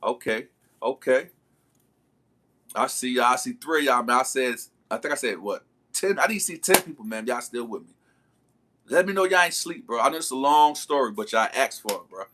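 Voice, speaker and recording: A man's voice: mid-range voice, lively intonation, a little fast, bright, forceful tone, a little hiss or hum. A man livestreaming, telling a long story in casual slang and calling out to his viewers. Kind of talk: casual storytelling to a live chat.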